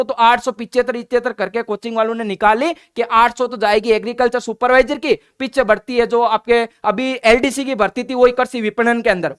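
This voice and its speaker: A man's voice: very high voice, fairly bright tone, clean tone. A man, an exam coaching teacher speaking bluntly and directly to his viewers in a conversational update talk.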